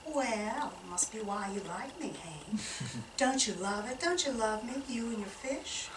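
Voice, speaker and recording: A woman voicing a crude, bossy fishwife who scolds in a shrill, brash voice, recorded from afar in a roomy hall. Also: lively intonation, unhurried, noisy background. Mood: coy. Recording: roomy hall, far-off camera.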